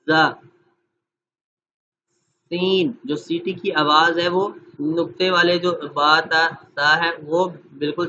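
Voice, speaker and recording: A patient male teacher, drilling letter sounds in an online training class. His voice sits a little high and rings bright and forceful. The audio is slightly dull, with faint noise behind. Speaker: Quran recitation teacher.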